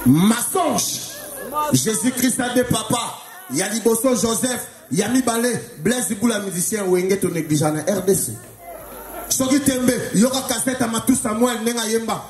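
A high-voiced Congolese comedian works a live crowd with animated stories, slipping between two languages and shouting out his punchlines. His voice bounces around a reverberant hall. Faint music plays under him. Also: unhurried. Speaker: stand-up comedian. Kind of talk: live stand-up storytelling.

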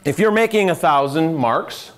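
A middle-aged American financial adviser teaches a seminar as a live classroom lecture, his fairly high voice lively in intonation at a moderate pace. He keeps it conversational, quizzing the room and tossing in dry, sarcastic asides.

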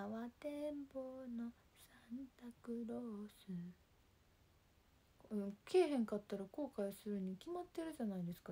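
Young kansai woman streaming from home, calm soft voice, kinda breathy and mellow. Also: mid-range voice. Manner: soft, calm, often drops to a near whisper. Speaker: livestream host. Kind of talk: casual livestream chat reading viewer comments.

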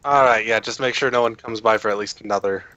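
A man's voice: lowish voice, steady tone, quick pace, bright, forceful tone, dry recording, highs cut off. A man playing a tabletop game, chatting casually and thinking aloud in a hesitant way. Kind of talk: casual game-session chat.

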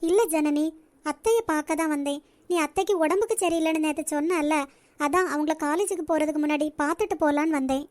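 A very high, close and dry voice for a meek young college girl in a cartoon, voiced by a woman. She speaks softly and apologetically, with a pleading tone and a Nagercoil Tamil accent. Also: quick pace, no echo, lightly acted. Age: young adult. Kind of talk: cartoon voice acting.

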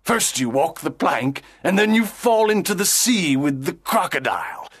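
A woman's voice: fairly low pitch, expressive, normal speed, breathy edge, dry recording, clean studio sound. Woman playing Captain Hook, swooping cruel pirate villain. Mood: gloating menace. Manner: menacing, commanding, gloating. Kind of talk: storybook character acting.

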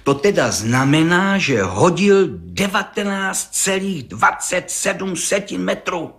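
A man voicing an excitable, boastful middle-aged village gendarme who tells his tale in an eager, rambling rush. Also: high voice, pitched above the performer's own voice, full character voice. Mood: excited. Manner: rambling, eager, breathless storytelling. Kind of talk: audiobook reading.

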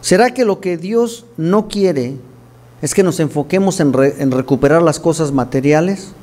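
A man's voice: on the high side, moderate pace, darkish tone. A male pastor preaching a sermon in a church, earnest and direct, often calling listeners "my brother" and adding wry asides.

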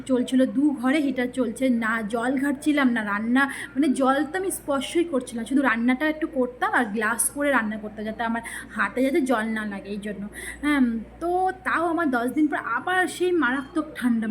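A woman's voice: high voice, a little hiss or hum. A woman talking casually to her viewers, rambling and chatty with many fillers and restarts. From West Bengal, India. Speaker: lifestyle vlogger.

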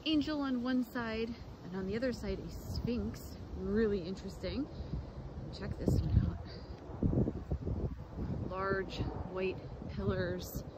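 Casual woman vlogger, mid-pitched, phone mic outdoors with heavy wind noise. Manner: chatty, addresses viewers as "guys". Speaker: vlogger giving a walking tour. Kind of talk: casual walking-tour narration. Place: outdoors in a cemetery on a windy day. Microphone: phone camera held while walking.

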